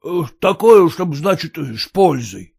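A man voicing an illiterate, clumsy peasant who pleads in rustic, halting speech with fillers. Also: a little high, animated, vocal fry, darkish tone, husky, exaggerated voice. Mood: pleading.

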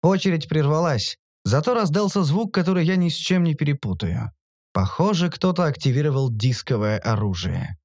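Male audiobook narrator, wry and lively. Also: a little high, moderate pace, no echo, studio quality. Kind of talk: first-person audiobook narration.

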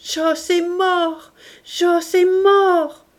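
A woman voicing a frantic, grief-stricken old mother with a shrill, crow-like cry, drawing out her wails. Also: little pitch movement, heavily acted. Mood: wailing grief. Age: older. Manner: drawn-out wailing cries.

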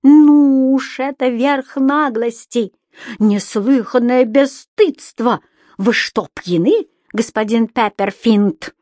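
A woman voicing an indignant, scolding middle-aged landlady who shouts through a door. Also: medium pitch, expressive, slow, no echo. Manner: outraged, shouting.

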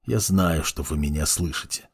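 A man reading the part of a centuries-old undead mage who speaks in a calm, coolly fascinated and softly menacing way. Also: very deep voice, normal speed, vocal fry, breathy edge, pitched below the performer's own voice, heavily acted. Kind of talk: audiobook character reading.

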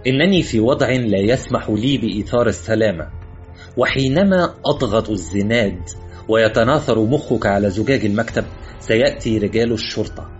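A man voicing a cold, threatening Russian agent in an audiobook, calm and mocking, in a slightly muffled recording with faint music. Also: fairly low pitch, voice pushed up, natural voice. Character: cold menacing male Russian agent holding a gun. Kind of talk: audiobook character voice.

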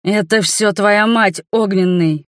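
A woman's voice: mid-range voice, slow, dry recording, clean studio sound, lightly acted. Woman voicing a cowering beaten young man. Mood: pained pleading. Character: frightened beaten young nobleman. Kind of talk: audiobook character voice.

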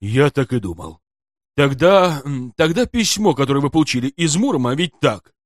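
A man's voice: mid-range voice, big pitch swings, moderate pace, dry recording, studio quality, close to an everyday voice. A man voicing an anxious middle-aged detective who talks in a fussy, wheedling, melodramatic way in an audiobook. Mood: pleading. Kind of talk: audiobook character voice.

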